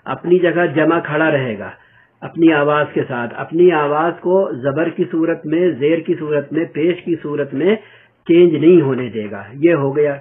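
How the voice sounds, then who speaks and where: Patient man teaching, tinny audio. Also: on the high side. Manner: patient, repeats and spells out sounds slowly. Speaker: Urdu reading teacher. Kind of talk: step-by-step spoken lesson.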